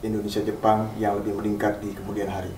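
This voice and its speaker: Low-voiced male host, roomy distant mic. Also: monotone, fast talker, darkish tone. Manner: formal, polite introductions. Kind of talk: interview hosting. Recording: roomy, distant mic, faint room noise.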